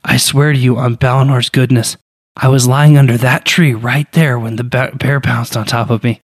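A man's voice: medium pitch, steady tone, moderate pace, no room sound, studio quality, lightly acted. A man voicing a panicked young male warrior who stammers and pleads his innocence. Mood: pleading.

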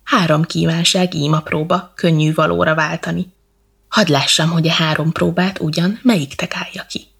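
Weary old king, solemn and stately, gravelly and husky, read by a woman. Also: low voice, steady tone, fairly bright tone, full character voice. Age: older. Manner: stately, measured verse.

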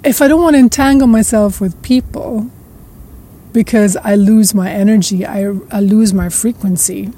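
A woman hosting a podcast, musing at length in a reflective spiritual monologue. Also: medium pitch. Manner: slow, musing, with soft laughs and trailing repetitions. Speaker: podcast host.

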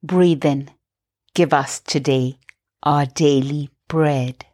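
A meditation host with a low, calm woman's voice leads a guided breathing prayer. She takes it very slowly, guiding in a soft, calm manner.

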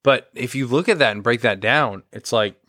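A young man co-hosting a podcast, chatting casually about fitness in a relaxed, rambling way with lots of fillers. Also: mid-range voice, normal speed, no echo, clean studio sound. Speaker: podcast co-host.

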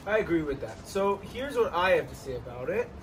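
A man hosting a casual outdoor chat, giving energetic, joking fitness advice beside an ice bath. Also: on the high side, a little fast, distant mic, slight background noise, poor audio. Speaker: host, trainer.

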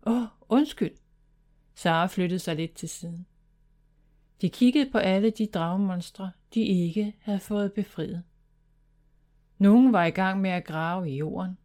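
A woman reading a children's fantasy story aloud, in steady, even narration. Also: fairly low pitch.

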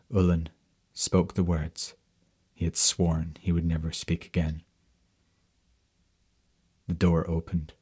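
A man telling a folk tale in a slow, measured way. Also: sits low, darkish tone, slightly rough. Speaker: storyteller. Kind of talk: storytelling narration.

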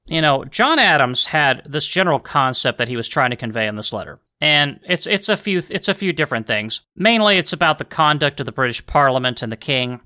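Forceful, earnest American male podcaster. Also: medium pitch, no echo, clean studio sound. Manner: earnest, emphatic, repeats phrases for stress. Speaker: history podcast host. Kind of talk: unscripted opinionated solo podcast commentary.

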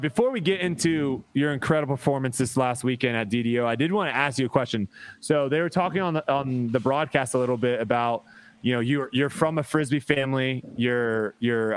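A young man hosting a casual podcast, chatty and upbeat, asking questions in quick bursts. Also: mid-range voice, smooth. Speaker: podcast host.

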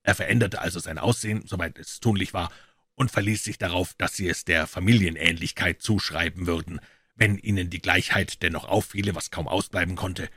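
A man voicing a confident, impatient male detective explaining his reasoning briskly. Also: deep voice, fairly even intonation, pushed and bright, husky, no echo, studio quality, heavily acted.

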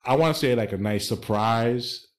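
A man's voice: medium pitch, normal speed. A man co-hosting a podcast, explaining his views at length in casual chat with fillers. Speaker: podcast co-host.

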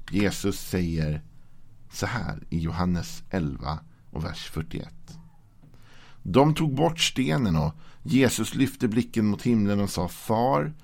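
A man preaching a short daily devotional, reading scripture and then explaining it in a calm, gentle way. His voice sits fairly low and has a gravelly edge. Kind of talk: devotional sermon.

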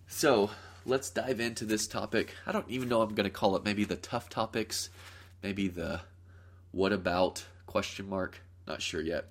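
Male podcast host, lowish voice, nasal from a cold, casual rambling teacher, close mic. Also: fairly even intonation, normal speed. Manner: rambling, self-correcting, fillers. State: congested from a cold.

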